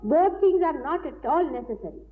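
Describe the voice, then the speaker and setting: A woman giving a deliberate, explanatory spiritual lecture, heard on an old tape recording. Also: high voice, expressive. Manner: deliberate, explanatory, with frequent pauses. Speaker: spiritual teacher. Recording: tinny old lecture tape with faint hiss.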